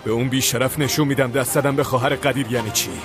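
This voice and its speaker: A man's voice: medium pitch, steady tone, music in the background, lightly acted. An actor voicing a hot-tempered brother who barks harsh commands at his family in a dubbed TV drama. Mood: furious.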